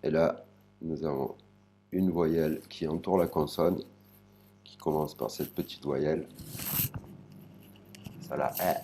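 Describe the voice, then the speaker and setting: A man with a very deep, dark voice gives a language lesson. He speaks slowly and spells out each sound and syllable with care. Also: slightly rough. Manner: slow, spells out sounds one by one. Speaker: Thai language teacher. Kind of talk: spoken lesson.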